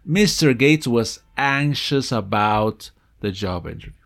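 Lively, patient male language teacher. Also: medium pitch. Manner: explains patiently, checks in with "¿ok?" and corrects his own slips; reads example sentences and dialogues slowly. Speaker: English teacher. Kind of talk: bilingual audio lesson.

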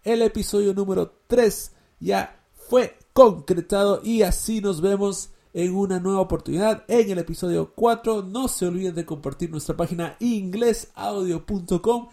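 A man, teaching English on a podcast and slowly repeating each phrase. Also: sits high, gravelly, dark tone. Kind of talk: podcast English lesson in Spanish.

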